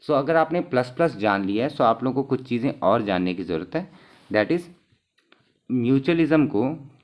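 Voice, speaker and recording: A man's voice: mid-range voice, lively intonation, normal speed, muffled recording. A man, teaching exam material and answering his own questions, repeating each key term as he goes.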